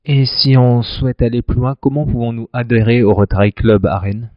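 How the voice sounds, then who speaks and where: A man's voice: mid-range voice, fairly even intonation, moderate pace, no echo. A man hosting a radio interview segment, asking his guest formal, prepared questions in a polite manner. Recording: dull lo-fi sound.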